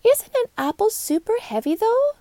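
Storybook ladybug girl, high squeaky and bubbly, lively swoops, played by a woman. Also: normal speed, no echo. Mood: curious. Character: cheerful young female ladybug, curious and sweet.

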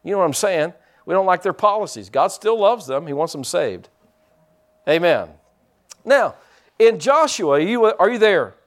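A man's voice: high voice, sing-song, measured pace. Fervent man preaching with lilt. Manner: fervent, repeats words, rises to loud emphatic peaks. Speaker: pastor. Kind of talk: preaching a sermon.

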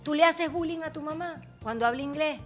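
A woman's voice: high voice, brisk, faint music behind. A woman hosting a podcast interview in a casual, playful and affectionate way. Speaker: podcast host.

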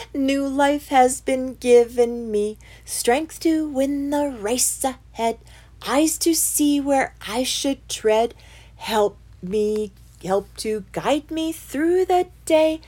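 A woman's voice: extremely high pitch, warm tone, voice pushed up. A woman voicing an earnest young male mouse on a pilgrimage, in a pleading, sing-song storybook voice.

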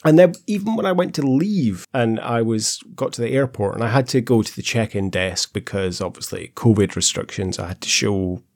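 A man with a fairly low voice chats casually as a podcast co-host. He tells comic stories, recorded close and dry. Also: moderate pace, few pauses, dry recording. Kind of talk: casual chat, comic storytelling.

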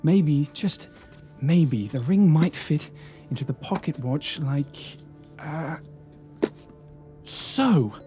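A man's voice: on the high side, expressive, drawn-out words, pauses often, mellow, soft background music. A polite, easily flustered young detective's assistant, played by a man in a comedy audio drama. He sounds exasperated and slightly fussy, and he narrates parts of the story too. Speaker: narrator and character.

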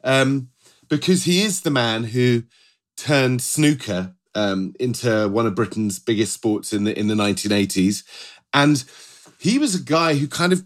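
A man's voice: medium pitch, a little slow. A middle-aged British man co-hosting a podcast in a conversational style, often rephrasing as he goes. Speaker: podcast co-host.

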